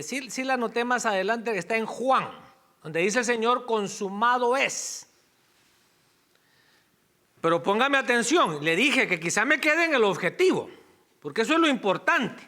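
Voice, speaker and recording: A man's voice: very high-pitched, expressive, measured pace, long pauses, pushed and bright. A male pastor preaching a Sunday sermon in a conversational way, with asides and self-corrections.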